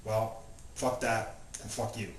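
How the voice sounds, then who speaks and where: In a lowish, level voice and at a slow pace, a male author speaks informally and reads his novel aloud without any character voices. A distant mic in a roomy space picks him up amid loud background noise.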